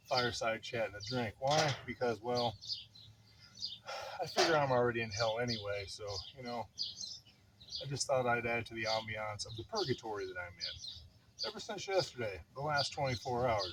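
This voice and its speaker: A man's voice: medium pitch, animated, normal speed. An older man, a little breathless, tells a personal story in a casual, rambling fireside-chat way with wry, self-deprecating, mock-dramatic delivery. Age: older, grandfather. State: somewhat breathless. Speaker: vlogger telling a personal story. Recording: outdoor noise with chirping birds.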